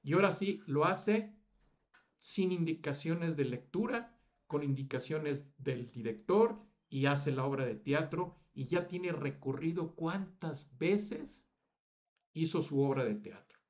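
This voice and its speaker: Lecturing to students in a public speaking class, a man speaks emphatically, giving each item in his lists rising stress and now and then correcting a slip. His voice is on the high side and a little mellow, slow in pace, with the highs cut off.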